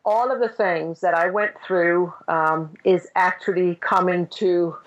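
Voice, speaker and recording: A middle-aged woman from Denmark, a podcast guest telling her story in a halting way with many hesitations and restarts. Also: fairly low pitch, fairly even intonation, muffled recording. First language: Danish. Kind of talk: reflective storytelling.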